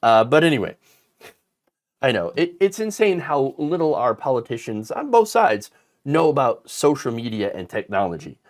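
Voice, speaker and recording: A man hosting casual political commentary, sarcastic and animated, mocking politicians with put-on quotes. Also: medium pitch, normal speed.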